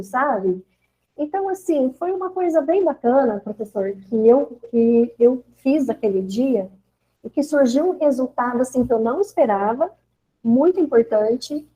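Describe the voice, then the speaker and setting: A woman with a Brazilian Portuguese accent, a schoolteacher telling an animated story of a lesson in a course discussion. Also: a little high, low-quality recording. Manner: animated storyteller, acting out classroom exchanges. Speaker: schoolteacher sharing classroom experience. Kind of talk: informal spoken account in a course discussion.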